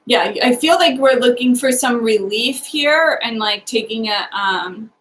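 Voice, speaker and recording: Psychic medium, woman, slightly high voice, soft and hesitant, lots of "um"s, live reading. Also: expressive, poor audio. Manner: hesitant, halting, many fillers; speaks gently in first person for the sitter.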